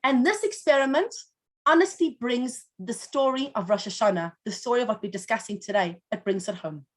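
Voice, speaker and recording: A woman teaching a class, telling a parable in an expressive storyteller's way with dramatic pauses. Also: a little high. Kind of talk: storytelling lesson.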